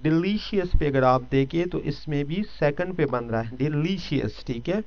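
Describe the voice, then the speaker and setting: A man teaching an English lesson, explaining step by step and often pausing to check that listeners follow. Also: a little high, no echo. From Pakistan. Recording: dull lo-fi recording.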